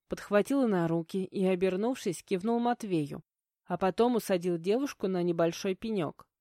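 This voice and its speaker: A woman reading a novel aloud in first person, with expressive storytelling. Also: mid-range voice, no room sound, clean studio sound. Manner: expressive storytelling, lively quoted dialogue. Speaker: audiobook narrator. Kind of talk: first-person scripted narration.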